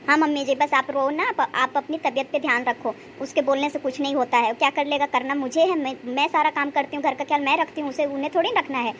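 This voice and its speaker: A woman voicing a young, devoted daughter-in-law in a cartoon story, protective of her mother-in-law and sharp-tongued about her husband. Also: high-pitched, steady tone, fast talker, hardly any pauses, a little hiss or hum. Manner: protective, scolds and soothes.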